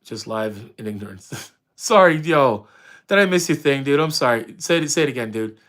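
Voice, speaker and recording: A relaxed man in his thirties from Canada, chatting live with his viewers. He talks loosely and warmly, full of "um"s and restarts as he reads questions aloud, and his voice sits at an ordinary middle pitch. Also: normal speed. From Windsor, Ontario, Canada. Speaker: fitness streamer answering chat. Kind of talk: casual live-stream chat.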